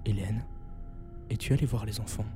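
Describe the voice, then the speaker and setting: A man's voice: fairly low pitch, steady tone, normal speed, over music, voice pushed down, lightly acted. A man doing an eerie phone caller. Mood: menacing. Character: chilling anonymous male caller on the phone.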